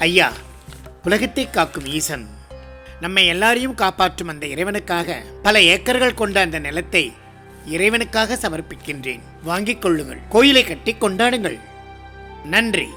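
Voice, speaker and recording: A man's voice: high-pitched, animated, moderate pace. A man playing a proud, stern older zamindar patriarch who commands his household and scolds his son. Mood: solemn. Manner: commanding, scolding, shouts when angry. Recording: music playing behind.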